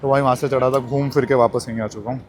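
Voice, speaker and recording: A man's voice: mid-range voice, fairly even intonation, fast talker, a little hiss or hum. A young man vlogging casually as he walks through a busy airport, talking straight to his viewers like friends. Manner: chatty, addresses viewers as brothers. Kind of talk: casual vlog chat.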